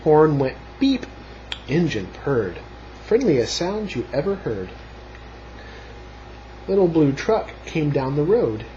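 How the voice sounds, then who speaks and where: A man reading a children's picture book aloud in an expressive, sing-song storytelling voice at home. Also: on the high side, takes it slowly, pauses often, lo-fi sound, a little hiss or hum.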